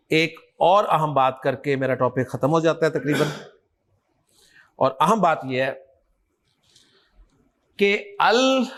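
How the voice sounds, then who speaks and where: A man with an Urdu accent teaches a classroom lecture on grammar, calling out questions and coaxing answers from his students. His voice sits high for a man, and he speaks slowly and deliberately. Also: fairly bright tone. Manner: quizzing, call-and-response, coaxing students.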